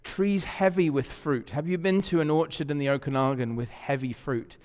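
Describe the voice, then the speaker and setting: A man with a voice on the high side speaks at normal speed, preaching as a pastor in a church sanctuary. The sermon is conversational and story-driven, delivered warmly, and he often repeats words as he looks for the next one. Reverb from the church hall colors the recording.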